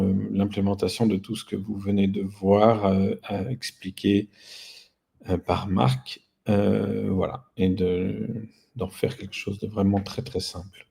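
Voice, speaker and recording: A company founder appears as an interview guest, explaining things casually with a wry, self-deprecating manner. His voice sits on the low side and is gravelly, husky, and dark in tone.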